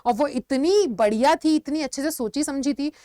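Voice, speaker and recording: A woman teacher explaining vocabulary in an online lesson, mixing Hindi with words and giving lively examples. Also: sits high, normal speed, no room sound, clean studio sound. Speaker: English teacher.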